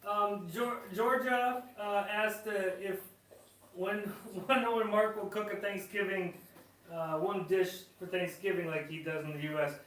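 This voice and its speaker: An American man co-hosts a live stream and answers viewer questions hesitantly, restarting his sentences and laughing easily. His voice is high and bright for a man. He sits away from the microphone in an echoey room. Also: fairly even intonation, measured pace, recorded from a distance, a little hiss or hum. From United States. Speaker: co-host, husband.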